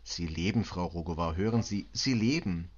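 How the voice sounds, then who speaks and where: A man playing a patient middle-aged police inspector, speaking calmly, clearly and reassuringly. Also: sits low, normal speed, lo-fi sound.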